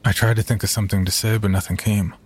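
A man narrating a first-person horror story in a measured, storytelling tone. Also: on the low side, level tone, slightly rough.

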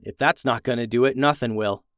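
A sensible young man from a storybook adventure talks things through plainly, as a male narrator reads him. He sounds reasonable and unhurried. The voice sits at a middle pitch and is recorded dry and close. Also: a bit bright, smooth, no room sound, natural voice. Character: young man, brother and potion-thrower.

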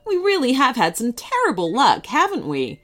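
A woman voicing a kind, patient baker in a storybook, gentle and motherly. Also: high voice, huge pitch swings, moderate pace, pitched above the performer's own voice, full character voice. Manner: gentle and motherly, a bit loud.

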